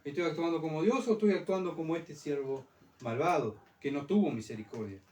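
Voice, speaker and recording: A man's voice: a little high, brisk, dark tone. A male pastor preaching a sermon, asking the church rhetorical questions and repeating his key phrases. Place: church hall. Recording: roomy church sound, mic far off.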